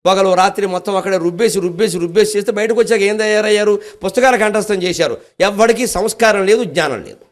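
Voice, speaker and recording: An older man with a Telugu accent gives a devotional discourse in a fairly high voice. He tells the story animatedly, acting out the characters' lines and dropping in humorous asides to the audience. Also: quick pace. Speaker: spiritual discourse speaker.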